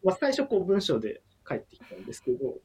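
A man guest on a livestream speaks politely about his book, pausing often on fillers. His voice is husky and mid-pitched. His pitch moves lively up and down. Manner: hesitant, many fillers, polite. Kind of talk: casual livestream chat.

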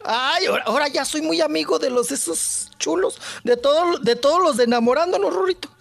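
A man's voice: extremely high pitch, fairly quick, vocal fry, a bit bright. A man with a Mexican accent who is a regular on a radio show, telling gossip in a flamboyant, teasing way. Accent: Mexican Spanish. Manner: flamboyant and teasing, calls others "chiquito". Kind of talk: comic gossip chat on radio.

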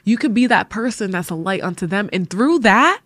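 A woman hosting a podcast, telling a personal faith story in an animated, laughing way and acting out the people she quotes. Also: medium pitch, brisk, no room sound. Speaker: podcast host.

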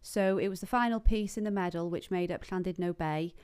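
A woman, a running coach being interviewed on a podcast, speaking in a measured, informative way with frequent "um" fillers. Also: fairly low pitch, darkish tone, clear, resonant tone.

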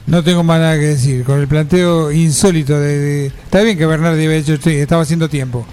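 A man's voice: a little high, steady tone, quick pace, darkish tone, smooth, faint music behind. A man, making dry, matter-of-fact quips as a pundit on a comic football panel.

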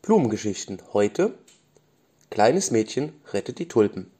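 Gentle bedtime storyteller, man, warm low-bright voice with lively melody; brief: soft and unhurried. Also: slightly rough. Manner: gentle, with small restarts. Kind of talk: children's bedtime story reading.

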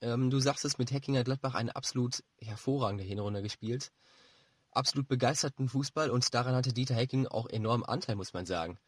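Measured man analysing football, dry sound. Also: medium pitch, breathy edge, dry recording. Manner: measured, explanatory, hesitant phrasing with repeated words. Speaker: football pundit, co-commentator.

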